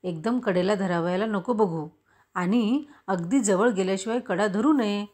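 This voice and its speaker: A woman's voice: mid-range voice, measured pace, a little mellow, lightly acted. A woman voicing an encouraging young man who teaches a boy to swim, in a storybook reading.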